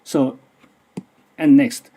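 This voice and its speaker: Speaking very slowly in a dark tone, this middle-aged man from Japan presents at a conference in accented English, his second language. He is a university lecturer, and his careful, slightly anxious delivery is full of restarts.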